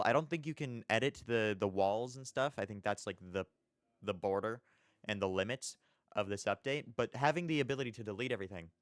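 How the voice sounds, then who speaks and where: Low-voiced young man musing over a video. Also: fairly bright tone, no room sound, clean studio sound. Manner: musing, questioning, chuckles often. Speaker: reaction video host. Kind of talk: casual commentary.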